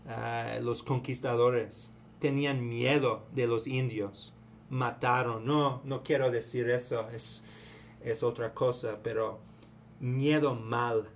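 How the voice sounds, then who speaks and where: A man from the United States giving a casual spoken sermon in a halting, preachy way, often repeating his words. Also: medium pitch, slight background noise. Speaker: vlogger.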